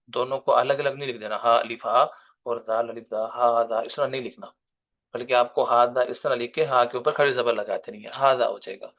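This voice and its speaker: A man teaching a recorded Arabic lesson, reading each word slowly and carefully and then explaining it in another language, patient and step by step. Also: medium pitch, a bit bright. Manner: reads Arabic words slowly, then explains them in Urdu.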